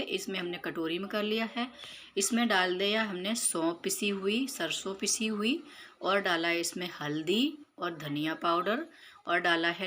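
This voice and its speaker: A woman's voice: mid-range voice, a bit bright, a little hiss or hum. A woman in her thirties, a mother, chatting through a home cooking and chores vlog, explaining each step with many fillers. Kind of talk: casual voice-over narration of cooking and chores. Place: home kitchen.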